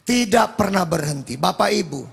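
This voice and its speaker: A man preaching a sermon, moving between shouted proclamation and quiet personal storytelling. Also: high-pitched, animated, normal speed, creaky, husky.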